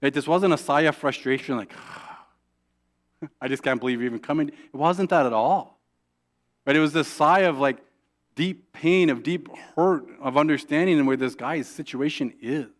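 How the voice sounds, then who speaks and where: A male pastor preaching a sermon in a conversational way, often asking "right?" and restarting his sentences. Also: on the high side. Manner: acts out quoted prayers in a soft, hushed voice; halting restarts and repeated words.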